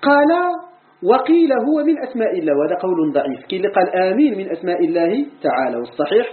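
Lively high-voiced Moroccan man teaching. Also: very fast, echoey room, narrow, tinny audio. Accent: Moroccan Arabic. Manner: poses questions and answers them himself. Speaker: teacher of Quran commentary. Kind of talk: religious lesson explaining a text.

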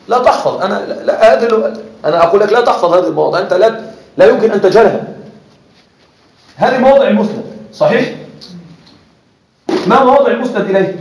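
A male teacher speaks quickly in a high voice as he gives a classroom lecture. He keeps asking his students whether they follow him. The room around him is echoey.

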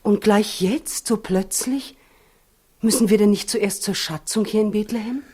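Soft, husky young mother Mary. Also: medium pitch, measured pace. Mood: puzzled. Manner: plaintive, questioning, earnest. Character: young mother Mary, trusting, questioning, quietly proud. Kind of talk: 1960s German radio drama acting.

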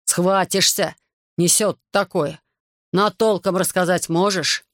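A man voicing a gruff, suspicious middle-aged army major who talks bluntly. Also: high voice, steady tone, takes it slowly, fairly bright tone, dry recording, studio quality. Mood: grumbling.

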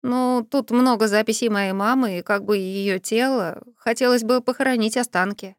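A woman's voice: fairly high pitch, steady tone, dry recording, studio quality, lightly acted. A woman voicing a nervous young warlock man who speaks hesitantly. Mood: timid. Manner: hesitant, halting.

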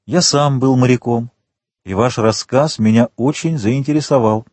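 An adult man voicing a rich, mysterious count with measured, restrained speech in a storybook reading. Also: mid-range voice, darkish tone, no room sound, natural voice. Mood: calm. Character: wealthy mysterious count, calm and commanding.

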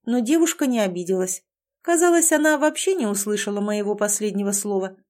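A young woman reading a first-person fantasy novel aloud, with lively storytelling. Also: medium pitch, a little fast. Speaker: audiobook narrator.

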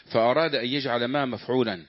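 A man reading a classical text aloud in a lesson, at a measured pace with pauses for the teacher's remarks. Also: mid-range voice, fairly even intonation. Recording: dull lo-fi lesson recording.

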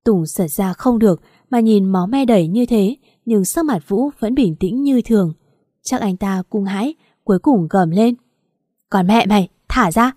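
A woman reads a first-person story aloud in an even, storytelling manner. Her voice is mellow and warm. The recording is dry and close. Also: mid-range voice, normal speed, no room sound. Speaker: narrator.

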